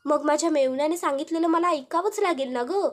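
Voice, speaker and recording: A woman's voice: high voice, brisk, close to an everyday voice. A woman voicing a sly male villain from a TV serial, who taunts his victim in a mocking sing-song. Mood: taunting.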